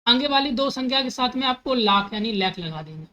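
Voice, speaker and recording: Woman math teacher, bright and fairly high voice, patient step-by-step explainer who mixes in terms. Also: expressive, a little fast, dull audio. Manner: repeats steps and asks herself questions, corrects slips.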